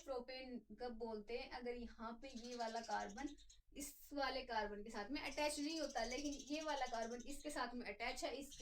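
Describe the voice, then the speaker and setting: A woman's voice: high-pitched, far from the mic, a little hiss or hum, poor audio. A woman teaching a chemistry lesson, explaining step by step and answering her own questions as she goes. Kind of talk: classroom lecture.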